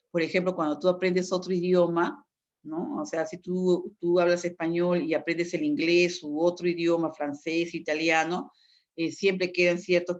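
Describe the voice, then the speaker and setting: A woman's voice: deep voice, darkish tone. A woman teaching a lecture, explaining at length and often checking in with her listeners. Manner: explanatory, frequent tag questions. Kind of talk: online lecture. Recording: dull lo-fi sound.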